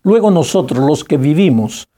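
An animated male preacher whose pitch leaps and falls as he drives home each point. His voice is dark and mellow with a husky edge, and he presses listeners with direct questions. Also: normal speed. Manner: emphatic, asks listeners direct rhetorical questions. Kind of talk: sermon-style Bible commentary.

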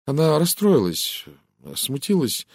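Man doing a puzzled young wife, hesitant, lively pitch, dry close sound, audiobook. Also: slow pace, no room sound, full character voice. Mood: recalling.

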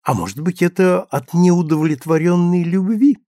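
A man's voice: mid-range voice, huge pitch swings, moderate pace, no echo, studio quality. A man voicing an envious young woman who makes snide, needling remarks.

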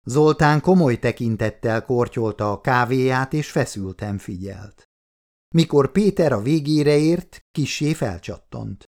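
A male audiobook narrator with a gravelly, rough-edged voice at an ordinary pitch. He reads steadily and matter-of-factly. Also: animated, darkish tone.

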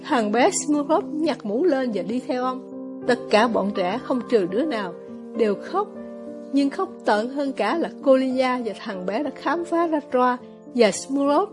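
A woman narrating a novel as an audiobook, reading in a steady storytelling manner. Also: sits high, a little slow, music in the background.

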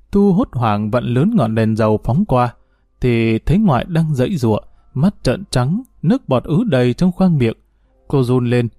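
Male story reader, steady and even, mellow tone, dry close sound. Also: medium pitch, no echo. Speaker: narrator. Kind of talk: storybook narration.

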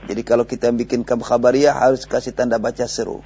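A man's voice: mid-range voice, little pitch movement, quick pace, warm tone, breathy edge. A man with an Indonesian accent teaching Arabic grammar in a recorded lesson, patiently explaining and quizzing his student step by step. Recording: dull lo-fi radio broadcast with faint hiss.

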